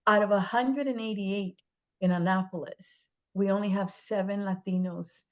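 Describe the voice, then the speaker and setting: A woman's voice: medium pitch, steady tone, moderate pace. A woman from the Dominican Republic, a guest in an interview, speaking earnestly and emphatically and often adding "right?". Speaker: guest, state legislator.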